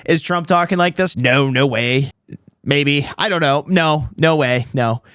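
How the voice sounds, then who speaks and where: A man's voice: a little high, unhurried, a bit bright, clean tone, no echo, studio quality. A man hosting a podcast, reacting to old tapes with incredulous, chuckling commentary. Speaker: podcast host.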